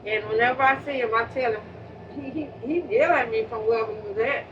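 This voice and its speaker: A woman's voice: a little high, fast. A woman, a public housing resident, speaking earnestly about a neighbor she remembers and often repeating herself as she goes. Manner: earnest, repeats and restarts words. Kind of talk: emotional spoken remembrance. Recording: distant mic, muffled sound, steady background noise.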